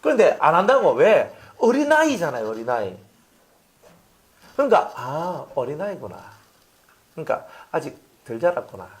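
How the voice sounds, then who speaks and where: Male pastor, fairly high voice, animated conversational sermon. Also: moderate pace. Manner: animated, chatty preaching with rhetorical questions.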